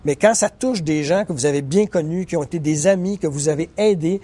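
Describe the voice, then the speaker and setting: A journalist and biographer from Quebec, Canada, answers questions in a recorded interview, giving thoughtful explanations. His voice is mellow and slightly high, and he speaks briskly but hesitantly, with many fillers and restarts.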